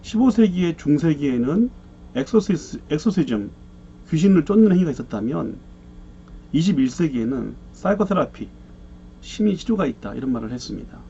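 Gravelly guy preaching, acts out the story voices, muffled recording with a bit of hum. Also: on the high side, moderate pace. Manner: animated storyteller, acts out quoted voices with shouting. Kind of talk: sermon with storytelling.

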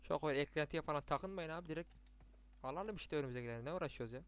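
A young Turkish-accented gaming streamer gives live commentary on his mobile shooter match with teammates, chatting away, muttering to himself, then erupting in excitement. His voice is a little high and clean, and he talks at a racing pace.

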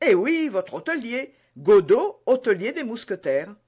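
A man's voice: sits high, very animated, measured pace, darkish tone, slightly rough, voice pushed up, exaggerated voice. A man voicing a young impetuous musketeer hero, speaking with urgent earnestness in a storybook reading.

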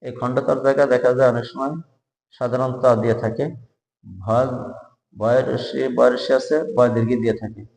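A man gives a spelling lesson, breaking each word into its letters and repeating it slowly. His voice sits at an ordinary middle pitch. The recording is echoey, with a long reverb hanging after his words. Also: fairly even intonation, creaky, darkish tone. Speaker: spelling teacher. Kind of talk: spelling lesson for job exams.

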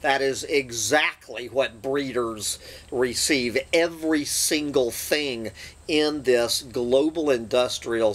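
Slow, sardonic man reading aloud. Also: mid-range voice, a bit bright. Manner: slow, deliberate reading with sardonic asides and throat-clearing. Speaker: channel host reading an essay aloud.

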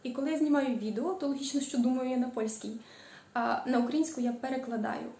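A woman's voice: high voice, fast, dark tone. Woman who drags out word endings, echoey kitchen. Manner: frequent hesitant fillers. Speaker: cooking vlogger. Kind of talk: casual home cooking vlog. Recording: echoey room.

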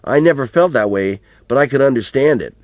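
In a dry recording with the highs cut off, a man's natural, expressive mid-range voice moves briskly through a storybook. He plays an old farmer grandfather, reflective and folksy, telling earnest, rambling rural stories in plain colloquial speech with a bit of mild profanity.

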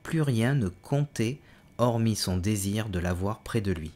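A man with a fairly low voice reads a novel aloud as an audiobook. His reading is steady and measured, and it rises louder and higher when he voices the hero's cries. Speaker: audiobook reader.

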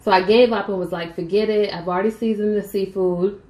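A young woman films a casual mukbang vlog indoors in a small room at home, chatting with viewers as "y'all" and eating between sentences. She speaks fairly quickly in a medium-pitched, dark-toned voice with fairly even intonation. The sound is roomy.

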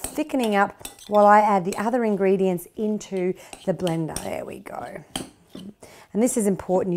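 A woman's voice: mid-range voice, creaky, a little mellow, slight background noise. A middle-aged woman hosting a cooking show, chatting encouragingly as she demonstrates a recipe in a kitchen. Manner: chatty, encouraging, talks while working. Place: home kitchen studio, indoors.

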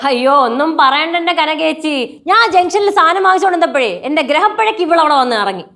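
A woman's voice: high-pitched, animated, quick pace, vocal fry, fairly bright tone, exaggerated voice. An actress playing an exasperated, complaining woman in a family sitcom. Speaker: sitcom character. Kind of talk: TV sitcom acting.

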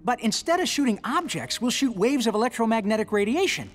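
A brainy inventor turtle. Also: male voice, very high voice, expressive, fairly quick. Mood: explaining. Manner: explanatory, technical. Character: brainy teenage male mutant turtle, the inventor. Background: cartoon music.

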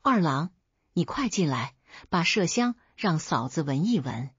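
A woman's voice: low-pitched, very animated, unhurried, breathy edge, dry recording, lo-fi sound, heavily acted. A woman voicing an older village neighbor woman who gives urgent, commanding orders, in a storybook reading.

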